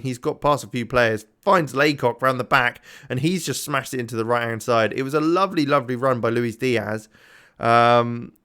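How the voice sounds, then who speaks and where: A man's voice: mid-range voice, fairly bright tone, clean tone. A man casually commentating his own game, thinking aloud with lots of ums, tired and yawning. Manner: rambling, self-chatting, thinks aloud with many ums. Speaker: gaming YouTuber. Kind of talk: casual let's-play commentary.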